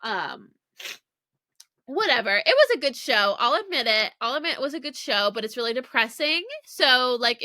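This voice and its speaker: A young woman chats through her solo podcast in a bright, fairly high voice, stuffy and congested from a cold. She rambles from tangent to tangent with a constant "like". The sound is close and dry. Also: dry recording. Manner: chatty, rambling, heavy use of "like". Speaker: podcast host. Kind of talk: casual solo podcast chat. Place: her childhood bedroom.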